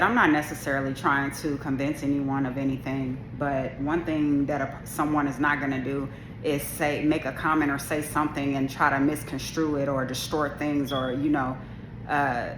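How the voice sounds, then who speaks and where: A video creator with a deep, low voice delivers a casual monologue to camera, strong, powerful and assertive, but rambling, with many restarts and asides. Her echoey room gives the sound a roomy quality and a faint hum of ambience.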